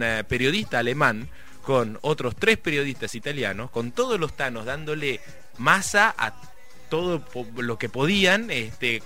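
With a pushed, bright, mid-range voice, a middle-aged man speaking Rioplatense Argentine Spanish talks through economics casually. His explanation rambles, full of fillers and restarts.

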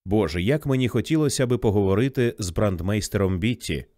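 A man's voice: lowish voice, animated, brisk, mellow, no room sound, studio quality, close to an everyday voice. A man voicing a restless, troubled male fireman in an audiobook. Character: restless young male fireman, defiant and searching.

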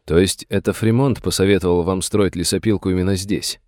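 A man voicing a calm, direct deputy who speaks plainly and matter-of-factly. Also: sits low, a little fast, dry recording, clean studio sound, close to an everyday voice.

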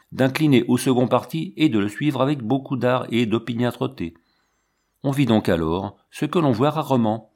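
A man narrating a classic story as an audiobook reader, in a measured way. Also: mid-range voice, a little mellow. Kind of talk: scripted literary narration.

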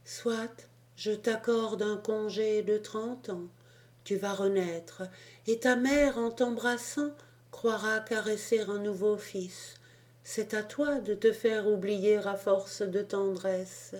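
Woman voicing a gentle heavenly lord, soft solemn words, slow, mellow tone. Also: medium pitch, steady tone, pitched above the performer's own voice, close to an everyday voice. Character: gentle all-powerful heavenly lord, male.

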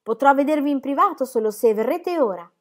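A woman's voice: high voice, lively intonation, fairly quick, pitched above the performer's own voice. A woman voicing an impatient, furious bishop. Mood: impatient commanding. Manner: impatient, hissing, commanding. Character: exasperated, furious English bishop, older man.

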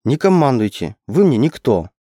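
A man voicing a stubborn, defiant young peasant woman, raising his voice high and sharp for her. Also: very animated, fairly quick, no echo, clean studio sound. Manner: raised, higher indignant voice.

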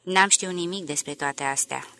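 A woman reading the lines of a reserved grown man in an audiobook, measured and reproachful. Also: lowish voice, sharp tone. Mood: calm.

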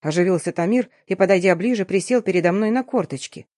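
Expressive woman reading an audiobook. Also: mid-range voice, fast talker, no echo, clean studio sound. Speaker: narrator. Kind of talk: first-person audiobook narration.

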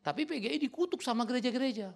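A male pastor preaching in a blunt, colloquial, emphatic way, taking questions from the audience and breaking into sudden loud outbursts. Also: very high voice, animated, very fast, gravelly.

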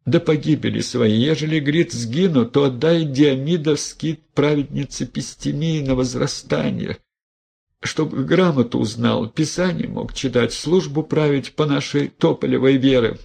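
A desperate peasant woman begging and stammering in thick rustic speech, pitched well up, as a man puts her on. There's a gravelly, husky grain beneath the wail. It plays like an audiobook character. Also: unhurried, darkish tone. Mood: anxious confession. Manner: wailing, stammering "дык-дык", rustic dialect. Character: wailing, pleading peasant woman, middle-aged.

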